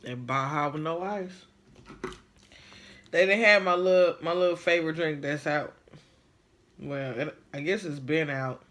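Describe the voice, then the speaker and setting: A man's voice: a little high, unhurried, long pauses, fairly bright tone. A man chatting casually to viewers in a slangy, laid-back way while eating, chewing as he talks. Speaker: mukbang vlogger.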